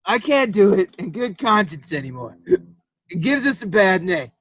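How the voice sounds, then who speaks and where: A drunken, self-pitying wolf from a comic radio play, acted by a man. He grumbles and sneers in slurred, sarcastic speech that swings widely in pitch. The sound is close and dry. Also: very animated, a little slow, a bit bright, dry recording, full character voice. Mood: indignant.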